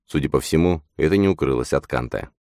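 A man reading a fantasy audiobook as narrator in steady scripted narration. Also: very deep voice, quick pace, no room sound, clean studio sound.

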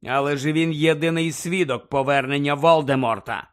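A man's voice: on the high side, steady tone, moderate pace, lightly acted. A man voicing an impatient grown man who answers coldly and with restraint. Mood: tense. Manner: cold, clipped, restrained.

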